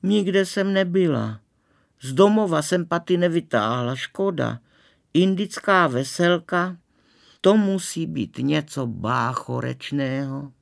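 An eager little schoolgirl, as a man reading the story puts her on, raised high above his own voice and full of breathless, wide-eyed questions. Her pitch leaps and dips all over in lively storybook reading, with a gravelly edge showing through. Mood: wistful.

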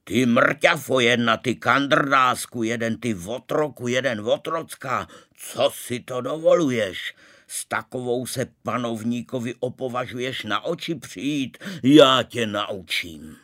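A man's voice: medium pitch, fairly bright tone, voice pushed up, lightly acted. A man voicing a pompous, furious maharaja who roars insults at an underling in a storybook reading. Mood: enraged. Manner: roaring, blustering insults. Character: furious bellowing old maharaja, a pompous ruler.

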